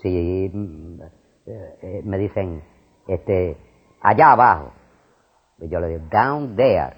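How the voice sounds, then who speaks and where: An older man with a Puerto Rican Spanish accent, a retired school principal answering interview questions in a discursive way, repeating words and filling pauses. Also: low-pitched, husky. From Puerto Rico. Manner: animated and discursive, repeats words, frequent fillers. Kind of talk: casual conversation. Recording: muffled lo-fi recording.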